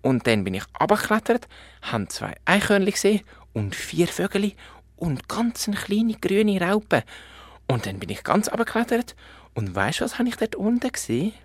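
A man with a Swiss German accent voicing an eager, cheerful little bear cub in a children's story, talking in an excited, breathless kid voice. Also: high voice, normal speed, no echo, pitched above the performer's own voice.

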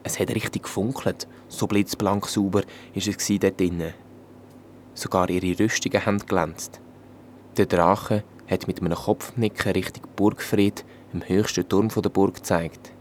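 A man with a Swiss German accent telling a fairy tale in a calm, even manner. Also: deep voice, unhurried, slight background noise. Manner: calm, even storytelling in dialect. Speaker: storyteller.

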